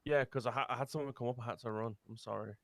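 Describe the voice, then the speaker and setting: A man's voice: mid-range voice, fairly even intonation, racing. A man chatting casually in a roleplay game, laid-back and slangy. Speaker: roleplay player.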